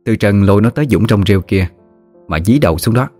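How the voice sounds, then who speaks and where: A man with a Southern Vietnamese accent narrating a story in a lively, slangy, teasing way. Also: fairly low pitch, quick pace, dry recording. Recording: faint music behind.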